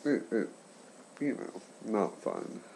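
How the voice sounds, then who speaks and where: Man, late 20s, deep and slow, congested post-surgery speech, hushed halting vlog chat, faint noise. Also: big pitch swings, creaky, rough recording. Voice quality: congested, impaired articulation after throat and nose surgery. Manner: subdued, keeping voice down for a sleeper; halting, trailing pauses. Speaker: patient sharing surgery recovery.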